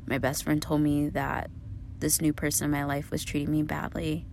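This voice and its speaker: A woman's voice: low voice, completely flat delivery, normal speed, creaky, darkish tone, slight background noise. A woman in her thirties telling her life story casually to camera, candid and swearing freely as she talks straight to viewers. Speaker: vlogger.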